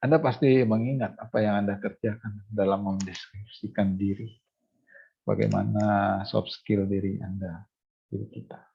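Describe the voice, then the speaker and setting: A man's voice: fairly low pitch, fairly even intonation, normal speed, vocal fry, breathy edge, muffled recording. A man lecturing to university students, explaining step by step with many fillers and restarts and checking whether they follow. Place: classroom or online class.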